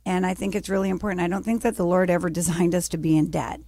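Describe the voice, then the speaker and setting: A woman's voice: fast, no room sound. A middle-aged woman from the United States, a business founder telling her story as an interview guest, acting out the voices of the people she quotes. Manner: animated storyteller, acts out quotes with raised pitch.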